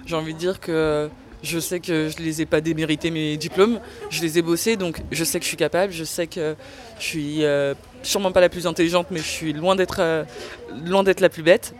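A young woman in an interview, speaking candidly and earnestly about her own experience, often pausing to search for words. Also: deep voice, steady tone. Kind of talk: candid personal testimony.

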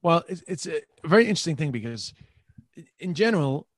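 A brisk, husky man with a slightly high, very animated voice, recorded with no echo. He's a comedian from Queens, New York, with a New York accent, guesting casually in an interview. He rambles, repeating words and restarting his sentences often.

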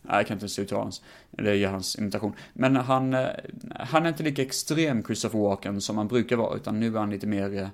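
A man with a somewhat low voice hosts a podcast episode on his own. He talks through a film in a loose, rambling style, full of fillers and casual swearing. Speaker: podcast host. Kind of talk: casual film review monologue.

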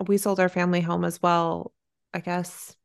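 A young woman co-hosting a casual podcast chat, gentle and supportive in a reflective way. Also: on the low side, little pitch movement, moderate pace, creaky, clear, resonant tone. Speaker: podcast co-host.

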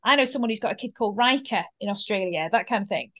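A British woman co-hosting a TV rewatch podcast, chatting casually and dropping quick teasing quips. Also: mid-range voice, lively intonation, over a noisy crowd. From Britain. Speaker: podcast co-host. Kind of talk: casual chat.

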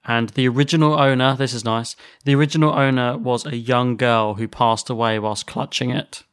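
A man's voice: mid-range voice, steady tone, normal speed, fairly bright tone, clear, resonant tone. A man co-hosting a podcast, telling paranormal stories in loose casual chat, full of fillers and laughs. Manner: chatty, laughs often, trails off with fillers. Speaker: podcast co-host.

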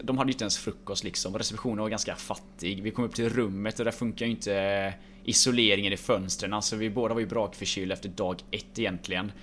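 A young man telling a travel story in a relaxed, rambling way, with many filler words. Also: on the low side, slight background noise. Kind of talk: casual storytelling chat.

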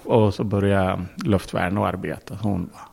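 A man's voice: low-pitched, steady tone, darkish tone. A man, a podcast guest, telling a story in casual speech, bluntly, with swearing and acted-out quotes. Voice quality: gravelly, husky.

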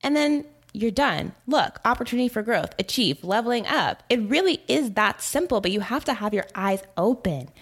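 A woman's voice: a little high, lively intonation, moderate pace, hardly any pauses, husky. A woman podcast host telling a personal story in a casual monologue, laughing often and acting out the voices she quotes. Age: adult.

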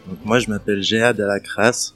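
A man's voice: on the low side, fairly even intonation, fairly quick, a bit bright, no room sound, faint music behind. A man in his thirties from Palestine, telling his life story as an interview guest, hesitant with many fillers and restarts. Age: 30s. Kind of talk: casual interview testimony.

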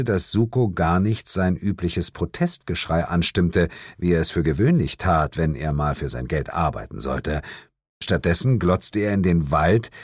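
A man reading a first-person audiobook in an expressive, wry manner on a studio microphone. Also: sits low, no echo. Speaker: audiobook reader.

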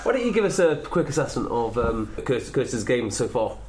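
A man's voice: medium pitch, big pitch swings, fairly quick, darkish tone, a little hiss or hum. A man hosting a podcast interview in a jokey, chatty way. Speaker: podcast host. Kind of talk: casual interview chat. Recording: roomy echo.

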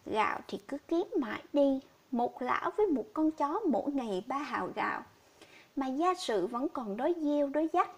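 Woman reading as a sorrowful old villager, pleading, high-voiced. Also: breathy edge, full character voice. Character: poor grieving old man villager.

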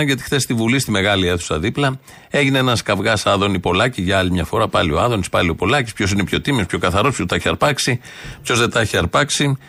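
A male radio host speaks in a measured, sarcastic way. His voice sits a bit low. The studio sound is dry and close, with no room echo. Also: a bit bright. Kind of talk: satirical radio commentary.

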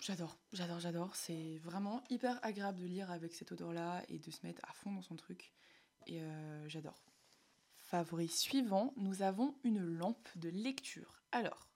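A woman's voice: fairly low pitch, darkish tone. A young woman hosting her own podcast in casual chat, slangy and full of fillers, sometimes dropping to a near-whisper. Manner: chatty, slangy, many fillers, drops to a near-whisper at times. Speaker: podcast host.

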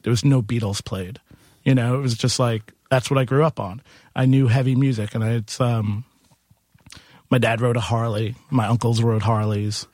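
A man's voice: mid-range voice, steady tone, normal speed, darkish tone, dry recording, clean studio sound. Casual man telling stories. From Queens, New York. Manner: informal, conversational storyteller slipping into quoted dialogue. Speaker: bar and music venue owner, interview guest. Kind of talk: casual interview storytelling.

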